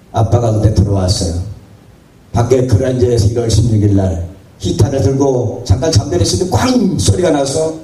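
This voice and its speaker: A man delivering a sermon in a deep, mellow, dark tone, telling his story with emphatic, dramatic preaching. He is recorded in a reverberant church hall, set back from the microphone. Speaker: pastor. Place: church or prayer house hall. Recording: roomy hall audio, distant mic.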